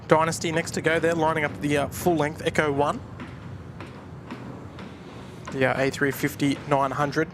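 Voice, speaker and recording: A man's voice: fairly high pitch, level tone, fairly quick, noisy background. A man hosting a plane-spotting livestream with casual, matey commentary, chatting to viewers. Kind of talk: casual live commentary and chat.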